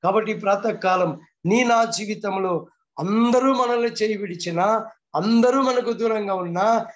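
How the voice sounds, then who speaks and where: A pastor preaching a devotional sermon over a video call, fervent, with repeated phrases and rhetorical questions. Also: male voice, sits high, a little slow, dull audio.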